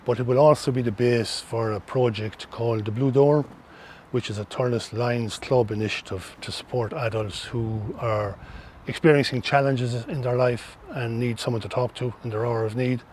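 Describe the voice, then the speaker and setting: A man's voice: mid-range voice, fairly even intonation, normal speed, darkish tone, a little hiss or hum. A middle-aged man with an Irish accent giving earnest, explanatory interview answers, often repeating and restarting phrases. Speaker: interviewee, social housing organisation representative.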